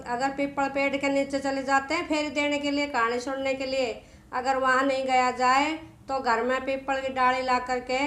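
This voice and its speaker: A woman storyteller narrates a devotional folk tale in a homely, conversational manner, often repeating herself. Her voice is high-pitched. The room gives it a noticeable echo. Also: fairly bright tone. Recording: echoey room.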